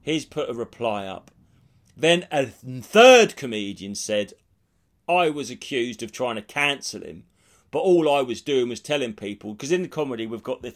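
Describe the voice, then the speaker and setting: A man's voice: mid-range voice, a bit bright. A British man co-hosting a casual comic podcast, ranting bluntly and swearing freely. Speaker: podcast host.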